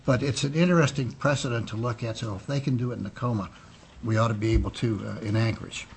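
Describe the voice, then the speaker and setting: A man giving formal legislative testimony in a measured, politician-like official manner, halting with frequent pauses. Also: mid-range voice, gravelly. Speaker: physician and state health official testifying. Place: indoor legislative committee room. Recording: noisy public hearing room audio.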